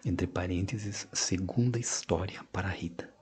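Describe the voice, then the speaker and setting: A man narrating an audiobook of short stories in a measured, expressive reading with hushed passages. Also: deep voice, slight background noise. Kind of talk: scripted narration.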